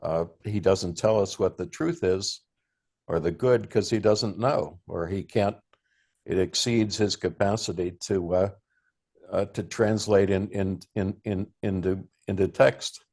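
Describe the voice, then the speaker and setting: A man's voice: sits low, fairly even intonation, unhurried, darkish tone. A man in a seminar discussion who halts and searches for his words. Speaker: seminar participant. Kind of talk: discussion group talk.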